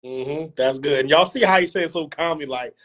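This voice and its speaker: A man's voice: a little high, normal speed, fairly bright tone. A man hosting an interview over a video call, casual and joking, full of fillers and repeated phrases. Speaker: host.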